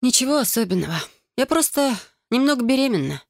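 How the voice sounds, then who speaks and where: A woman's voice: high voice, sing-song, fast, creaky, dry recording, pitched above the performer's own voice, heavily acted. Lady doing a feisty young heroine, stubborn, snappy, dry sound. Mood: dismayed. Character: young heroine wife, quick-tempered and stubborn.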